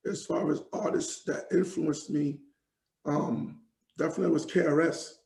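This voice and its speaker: Gravelly New man, rambling. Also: on the high side, fairly even intonation, normal speed, darkish tone, echoey room, poor audio. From Jamaica, raised in New York. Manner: rambling, many fillers and restarts. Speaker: hip hop artist, guest. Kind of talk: casual interview talk.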